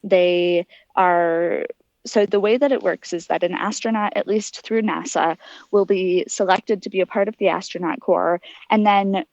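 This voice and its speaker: An American woman, an aspiring astronaut appearing as an interview guest, gives informal yet detailed and articulate explanations. Her medium-pitched voice is steady, unhurried and darkish, on a lo-fi recording with no echo.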